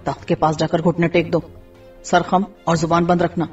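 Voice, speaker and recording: A woman voicing a mocking male army commander with a gruff, lowered voice in a storybook narration. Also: a little mellow. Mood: hushed. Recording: dull distant recording with faint music.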